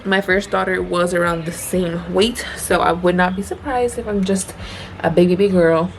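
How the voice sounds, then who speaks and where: A woman's voice: lowish voice, steady tone, moderate pace, slight background noise, rough recording. Chatty young woman vlogging from hospital. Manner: chatty, upbeat, self-deprecating. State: tired, in labor. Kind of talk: casual vlog narration. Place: hospital room.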